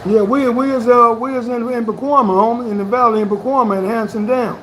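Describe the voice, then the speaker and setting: High-voiced man telling a street story. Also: steady tone, brisk, a bit bright, a little hiss or hum, low-quality recording. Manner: profane street slang, keeps saying "you know what I'm saying". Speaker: interviewee. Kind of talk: casual storytelling.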